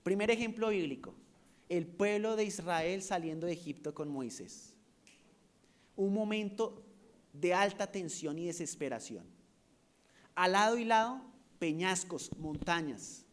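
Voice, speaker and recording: High-pitched male preacher delivering a sermon with questions to the flock. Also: animated, unhurried. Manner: rhetorical questions, swings from loud to hushed.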